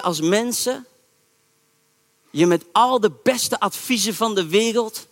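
High-voiced male preacher in an echoey hall. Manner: lively colloquial storytelling, voices the quotes. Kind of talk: sermon retelling a Bible story.

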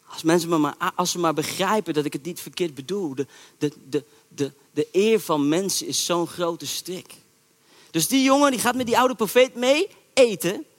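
A male preacher with a high-pitched voice tells a scripture story from the pulpit. He talks in a lively, everyday way and slips into the voices of the people he quotes. His voice rings out with a long echo, as in a large church hall. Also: moderate pace. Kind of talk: sermon retelling a Bible story. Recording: echoey hall reverb.

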